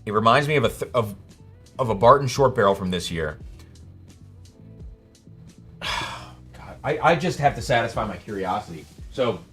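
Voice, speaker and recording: A man's voice: fairly low pitch, expressive, normal speed, pauses often, a bit bright, breathy edge, soft background music. A man hosting a live whiskey tasting stream, exclaiming, swearing freely and thinking aloud as he tastes.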